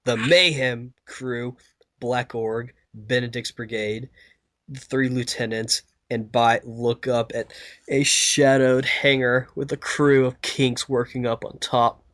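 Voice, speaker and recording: Podcast co-host, male, nasal and stuffy, halting self-correcting reader, mid pitch, dry sound. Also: level tone, fairly bright tone, dry recording. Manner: stumbling, self-correcting reading. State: stuffy-nosed, recovering from a cold. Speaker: podcast co-host reading aloud. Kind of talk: casual fanfic reading.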